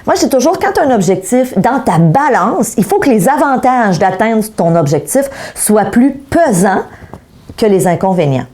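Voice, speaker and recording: A woman's voice: on the high side, sing-song, normal speed, a little mellow. A middle-aged woman with a Québécois French accent gives an online coaching lesson, talking directly to viewers and asking them rhetorical questions. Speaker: motivational speaker.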